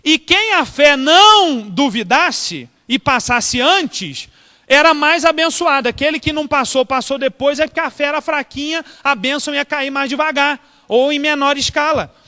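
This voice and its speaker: A man's voice: extremely high pitch, normal speed, sharp tone. A Brazilian man preaching as a pastor, telling stories animatedly, acting out the dialogue and asking the congregation questions. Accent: Brazilian Portuguese. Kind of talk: storytelling sermon. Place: church. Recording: reverberant church hall.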